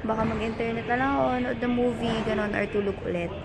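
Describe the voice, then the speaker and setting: A young woman with a Filipino accent and a husky voice, chatting excitedly to her phone camera as she travels through airports. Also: on the high side, quick pace. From Philippines. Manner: chatty, excitable, mixes English into Tagalog. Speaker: travel vlogger. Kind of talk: casual travel vlog. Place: airports, in and out of doors. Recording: loud airport and traffic noise.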